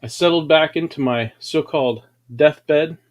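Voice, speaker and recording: A man's voice: on the high side, a little slow. A man hosting a livestream, telling grand, boastful stories in a dramatic, preachy way. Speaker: livestream host. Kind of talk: grandiose motivational storytelling.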